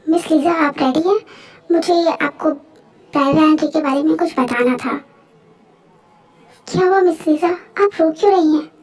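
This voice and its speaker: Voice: high voice, normal speed, pauses often, a little mellow, close to an everyday voice. A dubber voicing a spirited young woman wedding planner in a fan dub, mixing English phrases into Hindi. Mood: gentle.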